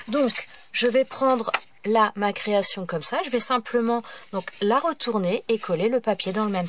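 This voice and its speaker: Female craft tutorial host, slightly high voice, casual and halting, lots of fillers, faint noise behind. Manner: chatty, hesitant, many fillers and self-corrections. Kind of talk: casual step-by-step craft demonstration.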